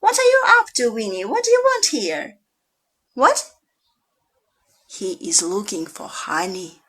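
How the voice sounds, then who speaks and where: A woman with a Russian accent, an English teacher for young children, reading a picture book aloud with big leaps up in pitch and slow, drawn-out questions. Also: husky. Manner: animated storyteller with big swoops up in pitch.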